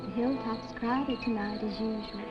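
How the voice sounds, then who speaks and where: An actress playing a young woman eloping with her boyfriend, playful and gently chiding, on a dull old film soundtrack with loud music. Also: a little high, steady tone, normal speed, natural voice. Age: young adult.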